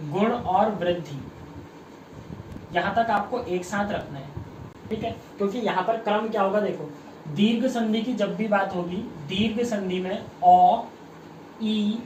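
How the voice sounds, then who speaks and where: A man with a high, darkish voice runs an online exam-prep lesson, drilling his students with the same questions over and over and reading their comments aloud. The mic sits at a distance in an echoey room, with a bit of hiss or hum.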